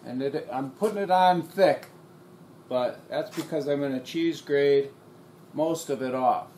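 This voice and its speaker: A man walks through auto body repair step by step in a plain, practical way. His voice sits a bit high for a man. The recording has a roomy echo and a faint hiss of noise behind it. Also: measured pace, a little mellow. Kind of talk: voice-over narration of a shop demonstration.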